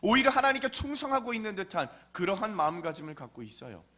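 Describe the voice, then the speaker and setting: A man delivers a sermon in a lively, chatty storytelling manner and keeps tossing questions at his listeners. His voice sits high for a man, with a bright, forceful edge to it. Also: fast. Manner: conversational storytelling, rhetorical questions. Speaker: pastor.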